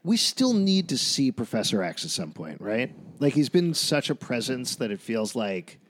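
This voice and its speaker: A man hosts a casual podcast chat about a TV show, leading the talk, recapping the plot and joking around. His medium-pitched voice is sing-song and moderately paced, with slight background noise.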